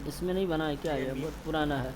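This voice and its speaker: A man teaching tajweed in a classroom, asking his students questions and answering them himself, slowing down to repeat key terms. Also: a little high, darkish tone, slight background noise. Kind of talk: classroom lecture.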